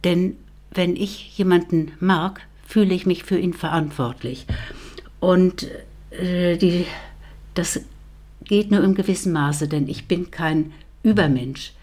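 A woman guest on a podcast, speaking reflectively and haltingly about her own experience, with many pauses, fillers and restarts. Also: lowish voice, dark tone. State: married. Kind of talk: personal account in a podcast.

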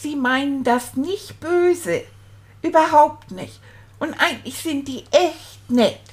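A woman plays a small, earnest boy rat telling children about being homesick, in a soft and sincere voice. He talks at an unhurried, drawn-out pace, lingering over each thought as if sharing a secret. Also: fairly high pitch. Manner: slow, confiding storytelling to children. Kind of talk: children's puppet storytelling.

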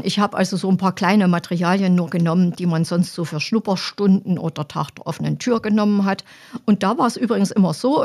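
A woman, a Latin teacher patiently explaining in a relaxed podcast conversation. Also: mid-range voice. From Weimarer Land, Germany.

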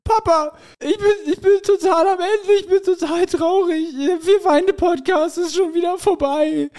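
A squeaky whining little kid. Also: male voice, steady tone, moderate pace, a little mellow. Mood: sad. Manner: tearful, whining. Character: whiny dim-witted young child.

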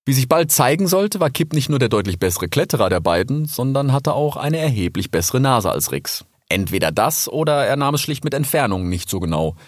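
A man reading a children's storybook aloud in an expressive voice. His pitch moves a lot as he tells the story. The sound is dry and close to the mic. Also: fairly quick, few pauses, no echo. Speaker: audiobook narrator. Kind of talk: storybook narration.

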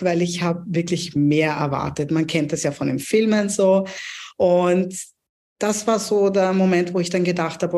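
A woman's voice: lowish voice, darkish tone. A woman in her thirties, originally from Pakistan, telling her career story as a podcast guest in an earnest, reflective way with frequent hesitations. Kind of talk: interview storytelling.

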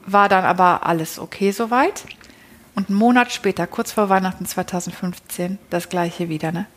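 A woman's voice: lowish voice, steady tone, normal speed. A woman telling her personal story as an interview guest in a casual, chatty way, often restarting sentences and adding tag questions.

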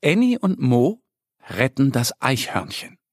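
A man narrating a children's story in a gentle, expressive storytelling voice. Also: medium pitch, unhurried, dry recording, studio quality.

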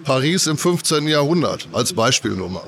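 A man with a cold, representing an audio company, explains audio tech in a casual trade-fair interview, loose and full of fillers. His mid-range voice is sing-song and a bit bright, and he talks fairly quickly.

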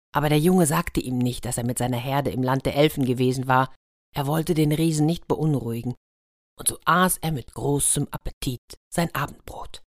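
A woman reading a German fairy tale aloud with lively, dramatic pauses. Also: low-pitched, dry recording, clean studio sound. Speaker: storyteller.

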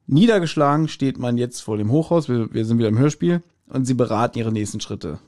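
Brisk and darkish at medium pitch, this man co-hosts a podcast and casually recaps an audio drama. His chat is conversational, with frequent checks for agreement.

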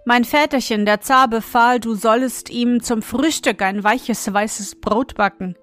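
A woman reading the lines of a downcast, worried young prince in a slowly told storybook. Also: on the high side, a bit bright.

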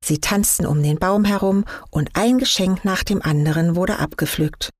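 Brief: woman reading a fairy tale aloud, calm and measured, husky, dry close recording. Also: on the low side, dry recording. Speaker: story reader.

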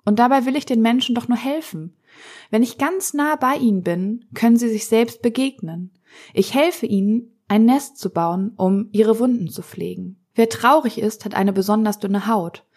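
A woman's voice: a little high, a little mellow. A woman voicing a weary grey spirit of sadness. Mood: pleading. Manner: hesitant, halting, breaking voice. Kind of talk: storybook reading.

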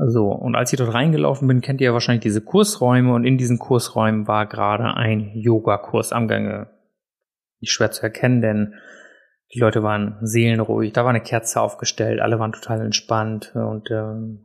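A man hosts his own casual solo podcast, chatting into a desk mic in a room set up for recording, with the session also filmed for video. He pokes fun at himself and uses plenty of ums and uhs. His voice is mid-range, creaky and darkish.

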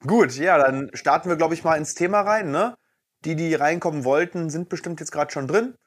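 A man's voice: a little high, moderate pace. A middle-aged man co-hosting a casual talk show, prompting the host with questions and tagging his lines with "ne?".

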